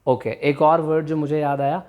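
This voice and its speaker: A fairly high-pitched man teaches English vocabulary in a flat delivery, captured in a muffled recording. He patiently explains at a slow pace, repeats each word carefully, and alternates between Hindi and English.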